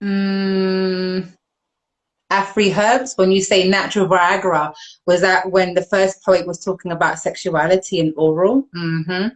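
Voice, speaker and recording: A woman's voice: on the low side, level tone, a little slow, rough recording. A British woman hosting a live online show in casual chat, thinking aloud while reading comments and often laughing, on a video call. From United Kingdom.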